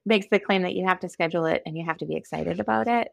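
A woman's voice: on the low side, very fast, vocal fry, dry recording. A woman with a Minnesotan accent, a podcast guest talking in a reflective, hesitant, self-deprecating way. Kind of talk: candid conversational interview.

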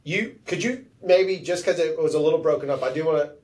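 A man's voice: fairly high pitch, brisk, a little mellow. A man hosting a casual podcast, rambling and joking at his own expense. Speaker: podcast host. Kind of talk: casual chat. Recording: distant from the mic.

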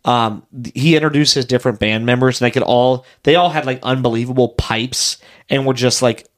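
A man's voice: medium pitch, fairly quick. A man co-hosting a casual podcast, telling stories in a rambling, enthusiastic way. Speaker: podcast co-host. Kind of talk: casual chat.

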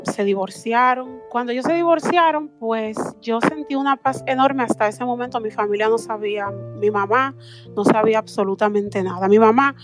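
Woman in her thirties, higher voice. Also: faint music behind. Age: 30s. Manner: earnest, halting, with restarts. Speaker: interview guest. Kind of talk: personal testimony.

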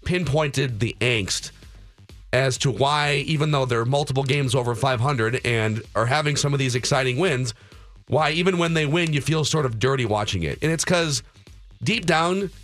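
An American man with a hoarse, gravelly voice chatting casually as a sports radio host. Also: medium pitch, moderate pace, a bit bright, soft background music. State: strained, hoarse voice.

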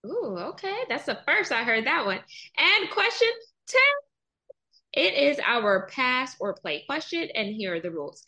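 A woman, hosting a podcast interview in an energetic, playful way. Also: high voice, a little slow. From Texas, US. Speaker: podcast host.

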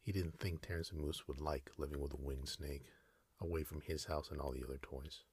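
A man tells a sleep story in a soft, slow ASMR whisper. His voice sits very low and husky. The sound is close and dry. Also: steady tone, dry recording.

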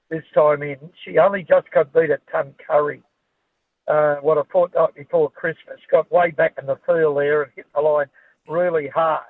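Casting: Australian male racing tipster, fairly high voice, off-the-cuff form preview, thin phone-line audio. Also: no echo. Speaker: horse racing form analyst. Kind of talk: unscripted racing preview on radio. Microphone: phone call to radio studio. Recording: tinny, band-limited phone line.

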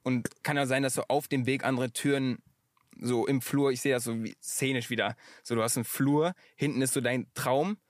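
A man's voice: mid-range voice, fairly even intonation, moderate pace, no room sound, clean studio sound. A man talking in a casual podcast conversation, reflective and sometimes searching for his words. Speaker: podcast guest.

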